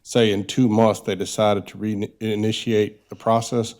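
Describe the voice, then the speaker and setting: A man with a low voice explains public hearing procedure at a council meeting. He speaks in a calm, measured, explanatory way. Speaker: county staff member.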